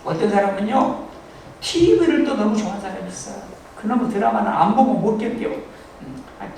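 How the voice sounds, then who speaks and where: Lively, high-pitched preaching man in echoey hall. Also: brisk, a little hiss or hum. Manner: animated, joking, bursts into shouting. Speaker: pastor. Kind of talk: sermon. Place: church sanctuary. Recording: echoey church hall, mic from far off.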